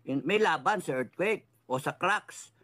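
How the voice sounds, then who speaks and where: A man's voice: on the high side, animated, measured pace, sharp tone. Heated, swearing man ranting about politics. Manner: angry, sarcastic, swearing, mixes in English phrases. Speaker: political commentator.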